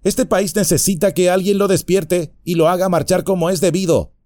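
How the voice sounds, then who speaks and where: A man's voice: sits high, fairly even intonation, moderate pace, dark tone, dry recording, studio quality, voice pushed up, lightly acted. A man voicing a big, sneering, brutish ruffian in an audiobook, menacing and mocking. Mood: threatening.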